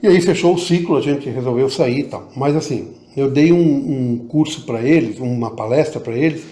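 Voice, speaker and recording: A man's voice: medium pitch, normal speed, mellow. A man who teaches public speaking, giving tips as an interview guest and demonstrating vocal emphasis, with a Southern Brazilian Portuguese accent. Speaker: oratory teacher. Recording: echoey room.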